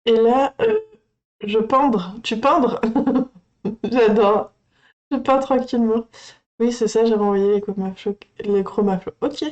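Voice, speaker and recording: A woman with a fairly high, mellow voice hosts a casual livestream unboxing for her coloring channel. She gushes excitedly and chats straight to her viewers. The sound is dull and lo-fi. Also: slow, pauses often.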